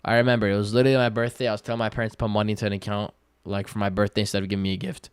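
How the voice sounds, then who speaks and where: A twenty-year-old man livestreaming, reading viewer questions aloud and answering in relaxed, slangy chat full of fillers. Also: lowish voice, rapid-fire, smooth, dry recording. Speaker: day-trading livestreamer.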